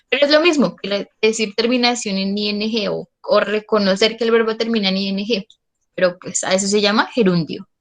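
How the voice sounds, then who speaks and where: A woman's voice: medium pitch, poor audio. A woman teacher, patiently explaining English grammar in an online class and often checking that students follow.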